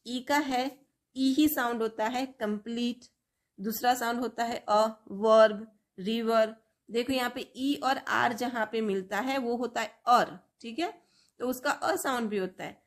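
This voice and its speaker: Slow, clear woman teaching phonics. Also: a little high. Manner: slow, drawn-out word-by-word drilling of sounds. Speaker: English teacher. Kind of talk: phonics lesson for learners.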